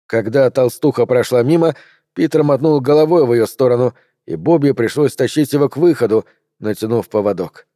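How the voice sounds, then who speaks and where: A man reads a novel aloud in a calm, measured audiobook narration. His voice is warm and dark at an ordinary pitch. The recording is dry and close, with no room sound around him. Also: dry recording.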